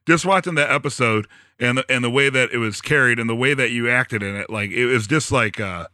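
A man's voice: medium pitch, a little fast, bright, forceful tone, no echo, clean studio sound. A man hosting a podcast, rambling and laughing, swearing freely in casual chat. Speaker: podcast host.

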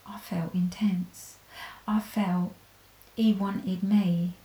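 Slow, hushed woman storyteller. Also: medium pitch, flat delivery, echoey room, poor audio. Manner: hushed, breathy and intimate. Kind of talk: whispered erotic storytelling.

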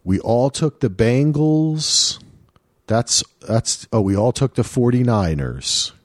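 A man hosting a casual sports podcast over a remote call, talking in a lively, rambling way with chuckling asides. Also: mid-range voice, slow pace, no echo, studio quality. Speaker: podcast host.

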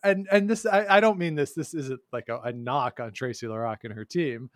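A man's voice: medium pitch, brisk, no room sound, studio quality. Wry chuckling man in casual sports chat. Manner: wry, sarcastic, chuckling asides. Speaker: podcast co-host.

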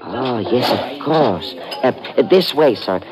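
A polite, servile waiter. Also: male voice, medium pitch, expressive, slow, very noisy. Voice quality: formal, deferential, keeps saying sir. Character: polite, servile male waiter, eager to please. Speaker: restaurant waiter in a radio drama. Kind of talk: 1950s radio drama acting.

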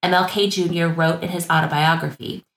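A woman's voice: fairly low pitch, little pitch movement, fairly quick, a bit bright, roomy sound, low-quality recording. A woman co-hosting a podcast, reading facts from her notes in a casual chat and laughing easily. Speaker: podcast co-host.

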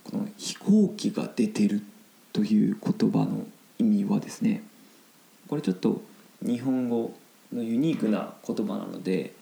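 A man teaching Japanese vocabulary in a casual lesson, explaining slowly in simple Japanese with English glosses mixed in. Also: fairly low pitch, vocal fry, mellow, echoey room, poor audio.

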